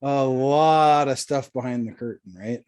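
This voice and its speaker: A man co-hosting a podcast, relaxed and rambling, often checking in with "right?". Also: mid-range voice, a little slow, smooth. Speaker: podcast co-host. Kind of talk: casual interview chat.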